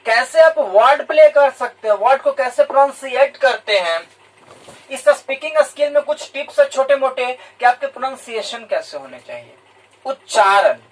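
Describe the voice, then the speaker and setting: An Indian man who teaches gives students a motivational talk, explaining his points and repeating key words in both English and Hindi while speaking directly to them. His voice is very high-pitched, a bit bright and lively in intonation, at a normal speed. The mic is distant and the audio is poor.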